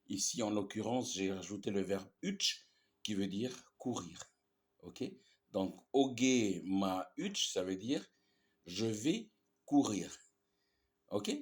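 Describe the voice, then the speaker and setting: A man's voice: lowish voice, lively intonation, slow pace, pauses often. A man teaching a language lesson, explaining grammar patiently and repeating each example with frequent "ok?" checks.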